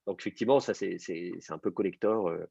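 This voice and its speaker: A man's voice: deep voice, fast, gravelly, dark tone, husky, dry recording, lo-fi sound. A man teaching an online class, explaining patiently with many fillers and restarts. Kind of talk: online class on biblical Hebrew.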